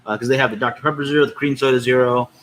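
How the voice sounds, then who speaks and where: A man's voice: mid-range voice, fairly even intonation, racing, fairly bright tone, a little hiss or hum. A man co-hosting a podcast, talking in a casual, conversational review style. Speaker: podcast co-host. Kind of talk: casual cigar review chat.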